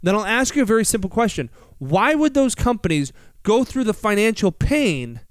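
High-voiced American man hosting, clean and close. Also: very animated, normal speed, clean tone, dry recording. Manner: asks rhetorical questions, emphatic repetition. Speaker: financial radio show host. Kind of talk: conversational financial explanation.

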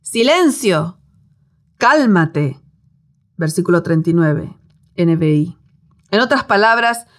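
A woman giving a devotional Bible teaching, telling it as a dramatic story with rhetorical questions. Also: mid-range voice.

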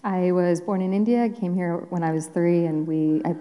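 A woman giving short interview answers in a soft-spoken way. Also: fairly low pitch, moderate pace. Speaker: interview guest, church AV director. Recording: reverberant hall.

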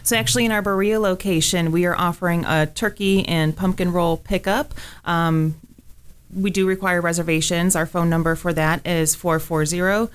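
Lady guest on a radio interview, clear smooth voice kinda low, chatty explaining. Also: steady tone, normal speed. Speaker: interview guest representing a care community. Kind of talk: conversational explanation of services.

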